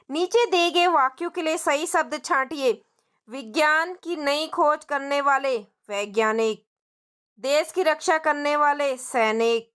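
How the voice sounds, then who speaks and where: Woman teacher, high voice, simple words and bits, keeps asking the kids stuff. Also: a bit bright. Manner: explains in simple Hindi mixed with English words; friendly, asks the children questions as she goes. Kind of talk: textbook lesson for young children.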